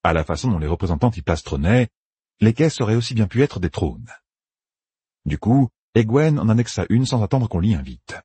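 A low-pitched man narrating a fantasy novel, his voice very husky and breathy. His pitch moves expressively as he reads, and he voices every character himself. The sound is dry and close. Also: very animated, normal speed, warm tone, no room sound. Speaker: audiobook narrator.

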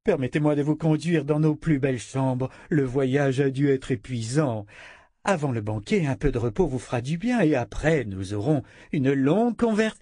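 A man's voice: mid-range voice, expressive, normal speed, mellow, no echo, clean studio sound, close to an everyday voice. A man voicing a haughty, scheming middle-aged queen in an audiobook, in an affected, fawning manner. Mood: simpering.

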